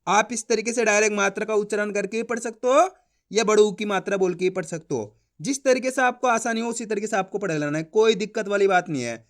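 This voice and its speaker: A man's voice: high voice, quick pace. A man teaching an online reading lesson, sounding out each syllable before blending them into the whole word and coaching viewers as friends.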